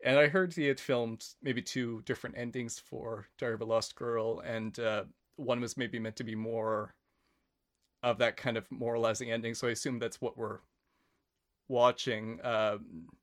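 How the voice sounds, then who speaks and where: A man's voice: medium pitch, level tone, moderate pace. A man hosting a film podcast in casual chat, hesitant, with many fillers and restarts. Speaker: podcast host.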